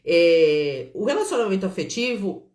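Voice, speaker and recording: A woman's voice: medium pitch, normal speed. Brazilian woman guiding a roomy session. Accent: Brazilian Portuguese. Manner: calm, checks in often with "tá?". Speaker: therapist. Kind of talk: guided live healing session. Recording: roomy echo.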